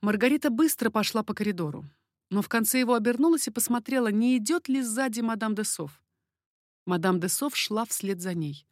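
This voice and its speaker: A woman reading a historical novel aloud in a measured storytelling manner. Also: a little high, lively intonation, no room sound, studio quality. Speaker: audiobook narrator. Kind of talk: scripted narration of a historical novel.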